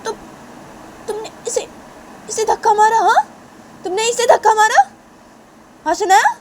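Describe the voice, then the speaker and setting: A woman's voice: very high-pitched, unhurried, a little hiss or hum. A woman voicing an angry mother figure in a storybook tale, firing off scolding questions.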